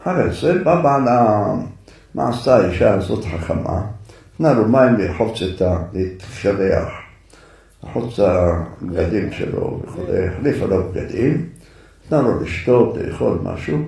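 A man's voice: on the low side, animated, vocal fry, warm tone. A man preacher telling a story in a sermon, in a conversational style that speaks directly to his listeners. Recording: echoey room, far from the mic.

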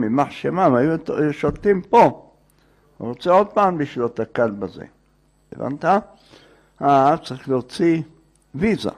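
A man telling a folk tale aloud in a lively, digressive way, acting out the characters. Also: a little high. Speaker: storyteller. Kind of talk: oral folk tale storytelling.

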